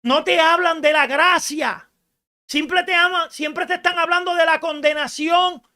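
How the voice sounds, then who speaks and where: A woman preaching a radio sermon in an emphatic style, rising to shouts and asking rhetorical questions. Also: very high-pitched, fairly even intonation, measured pace.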